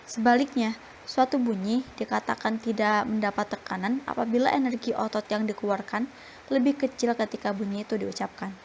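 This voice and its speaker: A young woman presenting a university phonetics class talk, reading her slides in a steady, explanatory way. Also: fairly high pitch, brisk, vocal fry, slight background noise. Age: young adult. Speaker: student presenter.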